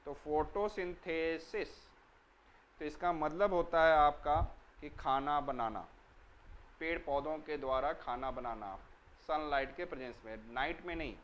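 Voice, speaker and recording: A man's voice: on the high side, a bit bright, dull audio, slight background noise. Man teaching children, spelling words out. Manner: repeats key words as questions to the class and answers them himself; spells words out slowly letter by letter. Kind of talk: explanatory lesson for children.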